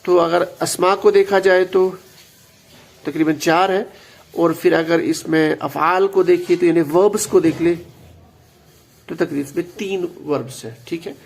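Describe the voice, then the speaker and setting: Male grammar teacher, high and gravelly, patient, repeats key terms for students. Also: steady tone. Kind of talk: explanatory lesson.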